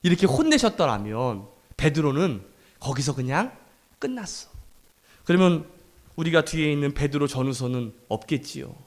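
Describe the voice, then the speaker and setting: A middle-aged pastor with a high voice delivers a Sunday sermon. He talks in a lively, conversational way and slips into acted quotes of the people in his story. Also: moderate pace.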